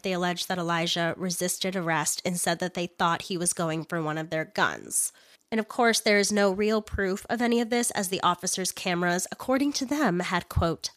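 A woman's voice: lowish voice, no room sound, studio quality. A woman hosting a solo news commentary podcast, speaking bluntly and indignantly, with swearing and sarcastic asides. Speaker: podcast host.

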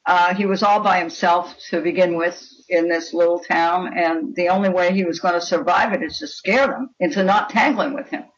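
A guest author in an interview, a woman, talks about writing fiction in an opinionated, emphatic way. Her voice is lowish and moderately paced with few pauses, carried over dull, lo-fi call audio.

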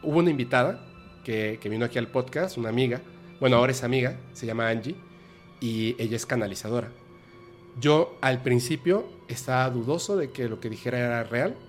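A man hosts a podcast and tells a personal story in a halting, emotional way, stopping and restarting often. His voice sits at an ordinary middle pitch. Faint music plays underneath. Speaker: podcast host. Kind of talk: personal storytelling in a casual chat.

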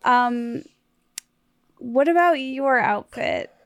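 A woman's voice: sits high, drawn-out words, smooth, dry recording. Laughing, teasing female podcast co-host. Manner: laughs often, teasing and dry. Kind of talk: casual comedic chat.

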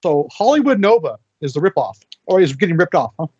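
A man co-hosting a podcast, cutting in with quick joking remarks. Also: fairly high pitch, very animated, a little mellow, slightly rough, dry recording. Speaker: podcast co-host. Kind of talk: casual chat. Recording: dull muffled dry mic.

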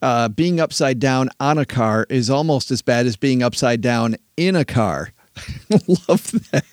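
Guy cohosting a money show, chatty and quick, restarts a lot, dry close mic, mid pitch. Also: no echo. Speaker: podcast co-host. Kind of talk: casual chat.

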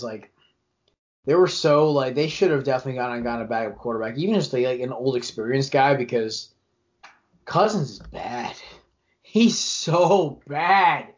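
A young man co-hosting a sports podcast, giving rambling, animated opinions with frequent restarts. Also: medium pitch. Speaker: podcast co-host. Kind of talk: casual sports chat. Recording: dull lo-fi podcast audio.

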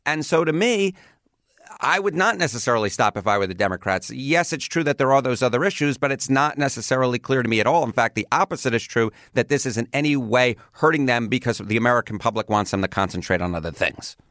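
A man with a New York accent, giving a rapid, emphatic cable news analysis of polling and politics. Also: medium pitch, expressive, a bit bright, no echo, clean studio sound. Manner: rapid, emphatic, rhetorical questions.

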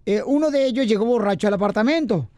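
Mexican radio co-host, man, very high voice, dry studio sound, joking and slangy. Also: fast, darkish tone, no echo. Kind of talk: morning radio banter.

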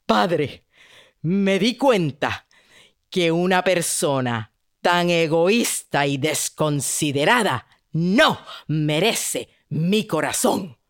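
A woman's voice: lowish voice, lively intonation, very slow, no echo, clean studio sound, pitched below the performer's own voice. A woman voicing a weary but resolute young princess speaking earnestly to her father in a told story. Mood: solemn. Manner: solemn, earnest.

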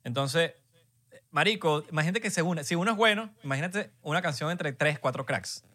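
A man's voice: fairly high pitch, expressive, a little fast, sharp tone. A young man with a Venezuelan accent co-hosting a podcast in emphatic casual chat, peppered with slang fillers. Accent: Venezuelan Spanish. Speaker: podcast co-host.

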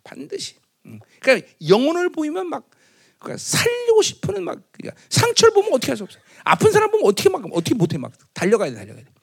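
A middle-aged man delivers a sermon in a conversational, teasing way, often asking his listeners to agree. His voice sits high for a man and swings widely in pitch. He bursts into raised-voice proclamations to act out a point. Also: huge pitch swings, rapid-fire, gravelly. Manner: conversational, teasing the congregation with tag questions; acts out loud proclamations in a raised voice. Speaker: pastor.

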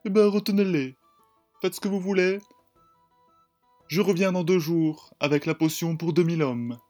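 Man doing a fussy court enchanter for a story podcast: pitched well above his own voice, slow and unhurried, with faint music underneath. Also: mellow, natural voice. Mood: unbothered.

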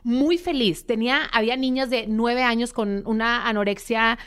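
A woman's voice: on the high side, normal speed, fairly bright tone, clear, resonant tone. A young woman, a podcast guest telling her story and acting out quoted dialogue. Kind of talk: interview storytelling.

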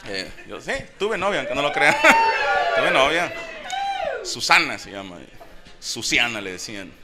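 A man's voice: mid-range voice, wildly swooping pitch, unhurried, a loud crowd. A man in his thirties with a Mexican accent performing a crude, slangy stand-up comedy monologue, acting out voices as he tells stories. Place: comedy venue with an audience. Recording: noisy live stage recording. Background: audience laughter.

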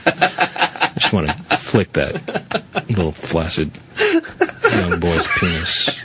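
A man putting on the voice of a creepy, leering older man, low and drawn out. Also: big pitch swings, very noisy, heavily acted. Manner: low, slow, drawn-out leer.

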